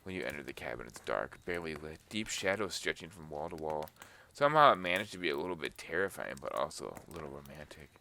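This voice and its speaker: Low-voiced man reading a dating game. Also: big pitch swings, quick pace, creaky, pushed and bright, a little hiss or hum. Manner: jokey, reads dialogue in voices. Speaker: gaming YouTuber.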